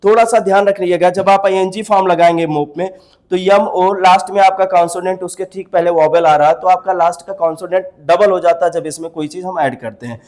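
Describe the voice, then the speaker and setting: High-voiced man teaching English slowly. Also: darkish tone. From India. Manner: repeats each example slowly and asks the class to repeat it. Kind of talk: spoken English lesson.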